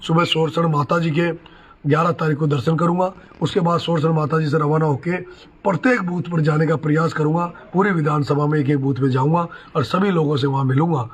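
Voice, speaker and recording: A man's voice: a little high, fairly even intonation, a little fast, slight background noise. A middle-aged man and election candidate making an earnest, courteous appeal to his supporters from inside a village home. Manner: pleading, courteous, rallying.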